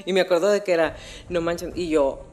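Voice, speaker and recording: A young woman with a Mexican accent telling a personal story on a podcast in a casual, animated way, full of slang and swearing. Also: fairly low pitch, brisk, soft background music. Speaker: podcast host.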